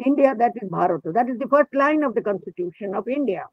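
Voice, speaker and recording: A man's voice: very high voice, expressive, a little slow, dry recording. A man giving an explanatory lecture as the teacher of a reading class, asking rhetorical questions as he goes. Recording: dull, muffled lo-fi sound.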